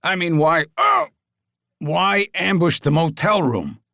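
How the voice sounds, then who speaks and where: A man reading the audiobook voices an impatient, crude mob boss who snaps gruffly. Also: high-pitched, very animated, slow, bright, forceful tone, no echo, studio quality, pitched above the performer's own voice, full character voice. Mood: irritated.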